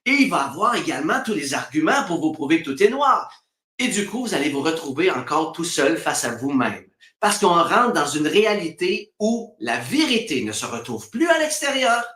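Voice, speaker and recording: A Québécois spiritual guest on a live stream talks casually, laughing frequently and performing the voices of people he quotes. His fairly high voice sounds pushed and bright, very animated, at normal speed. The sound is roomy.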